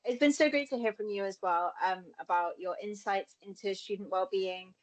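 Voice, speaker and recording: A young woman speaks as an interviewer in a conversational style. Her voice sits at an average pitch for a woman. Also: moderate pace, rough recording.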